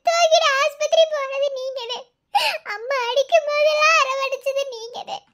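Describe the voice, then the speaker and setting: In a cartoon, a woman voices a devoted young village daughter with a very high, girlish tone and a Madurai Tamil accent. She pleads emotionally, tearful, at a moderate pace with a slightly bright sound. There's a little hiss or hum in the recording.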